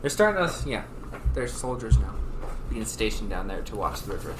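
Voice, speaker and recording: Chatty, laughing game master. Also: male voice, on the low side, very animated. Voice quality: chatty and laughing, jumps between rules talk and quick voiced asides. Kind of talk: running a tabletop game. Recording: noisy home recording.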